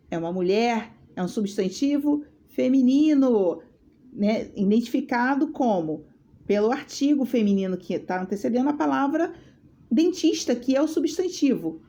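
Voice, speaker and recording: A woman's voice: high voice, expressive, normal speed, mellow. A woman teacher giving a grammar lesson, stressing each example word and checking in with her students through short questions.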